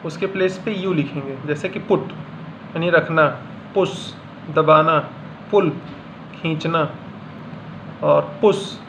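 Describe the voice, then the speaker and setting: A man teaching pronunciation in Hindi, reading out example words one at a time in a slow, deliberate way. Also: on the high side. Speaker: English teacher. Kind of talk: classroom lesson explaining pronunciation. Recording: dull lo-fi sound with faint room hum.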